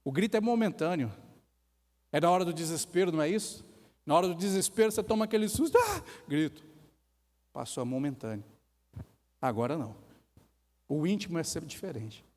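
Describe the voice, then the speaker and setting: A Brazilian man preaches in a church, his voice sitting a little high for a man. He drives his points home with rhetorical questions and brief acted-out quotes. A long reverb from the hall trails behind each phrase. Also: animated, fairly quick, long pauses, a little mellow. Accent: Brazilian Portuguese. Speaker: pastor. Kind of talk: sermon.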